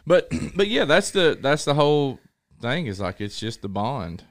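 A man's voice: mid-range voice, very animated, normal speed. A man co-hosting a podcast, chatting easily and chuckling as he talks. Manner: easygoing, chuckling. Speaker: podcast co-host and evangelist. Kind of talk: casual podcast chat.

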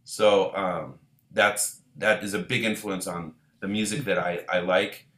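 The speaker is a band leader from Israel with a low voice, talking a little slowly in a roomy-sounding casual interview. He goes on at length in a loose, easygoing way, with frequent fillers and restarts.

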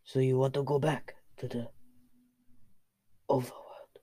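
Death speaks quietly and gravely, taking his time over each word. A man voices him while narrating. The recording is dry and close. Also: medium pitch, flat delivery, unhurried, no echo. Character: calm, grave male Death figure.

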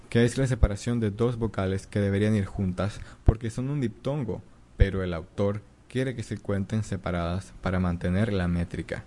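A man narrating a scripted lesson in a clear, measured, explanatory way. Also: fairly low pitch, mellow. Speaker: teacher.

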